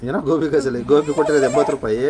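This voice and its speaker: A man's voice: fairly high pitch, fairly even intonation, over a noisy crowd. A man, bantering playfully at home with his wife and small daughter. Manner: teasing, quick and playful. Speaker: vlogger, husband and father. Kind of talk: casual family banter.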